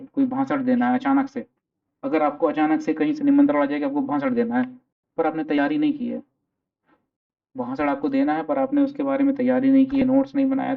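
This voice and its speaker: A man teaching with an Indian English accent, his fairly high voice swinging up and down as he explains words. His voice is gravelly, and the sound is thin and tinny like a phone line. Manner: explains in mixed Hindi and English, asking and answering his own questions. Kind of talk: classroom vocabulary lecture.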